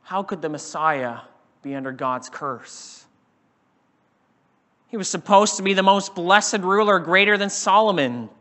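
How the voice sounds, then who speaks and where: A man's voice: sits high, expressive, measured pace, long pauses, pushed and bright. A man preaching a sermon with a dramatic delivery, acting out quoted speakers. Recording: echoing hall reverb.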